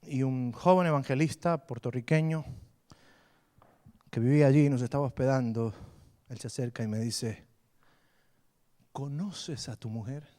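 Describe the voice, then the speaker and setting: A middle-aged Argentine pastor preaching a sermon, moving between quiet storytelling and loud, rising preaching. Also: male voice, mid-range voice, normal speed, pauses often. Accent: Argentine Spanish.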